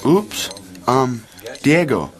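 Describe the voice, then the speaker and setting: An actor playing a friendly young man in a scripted dialogue for English learners, speaking clearly and carefully. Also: mid-range voice, very animated. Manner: clear, slow, carefully spoken. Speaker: lesson dialogue character.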